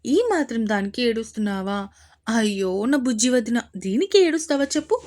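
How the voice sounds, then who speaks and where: A woman voicing a lively young sister-in-law who fusses, consoles and teases in a quick, bright way. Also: fairly high pitch, lightly acted. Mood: consoling. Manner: bubbly, fussing, teasing.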